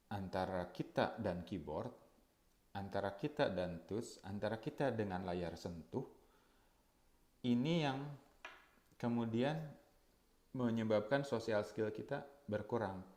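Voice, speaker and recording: A man speaking at a webinar in a conversational way, often adding filler tags and slowing down to stress key words. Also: fairly low pitch, darkish tone. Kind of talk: webinar talk. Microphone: webinar mic. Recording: echoey room.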